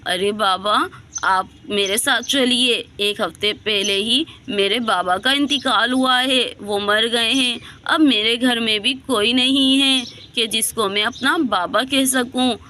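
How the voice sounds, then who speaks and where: A woman voicing a kind, poor young girl who gently pleads with an old man and takes him home. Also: fairly high pitch, slow pace. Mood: caring.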